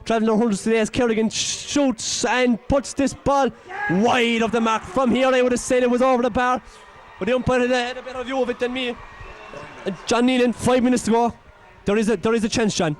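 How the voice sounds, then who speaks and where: Irish male match commentator, very high voice, partisan and excitable, shouting, voice worn from yelling. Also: a little fast. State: nearly losing his voice. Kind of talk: partisan live sports commentary.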